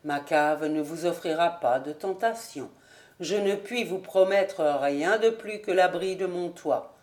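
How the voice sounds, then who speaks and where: Woman doing a proud young lord, low voice, curt, slow. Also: darkish tone, natural voice. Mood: grave.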